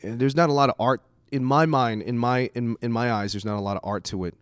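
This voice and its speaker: Talking fast in a medium-pitched voice, this American comedian, a native Cantonese speaker, performs a casual, rambling, profane monologue. The tone is clean, with no echo.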